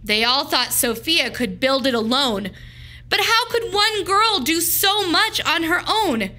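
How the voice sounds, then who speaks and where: Her pitch is high as this woman teacher tells the story of a picture book to children. The reading is expressive, emphatic and carefully paced.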